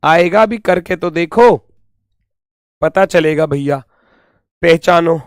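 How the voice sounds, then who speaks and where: A man's voice: on the high side, slow, clean tone, no room sound, clean studio sound. A man teaching an exam-prep lesson, repeating key words as he points through a diagram and playfully scolding his students.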